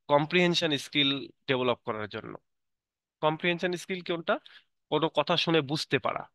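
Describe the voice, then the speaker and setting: A male teacher gives an online lecture, his voice clear and resonant. He reads English passages slowly, then explains them in a relaxed, filler-laden way. The sound is close and dry. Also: medium pitch, no echo. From Bangladesh.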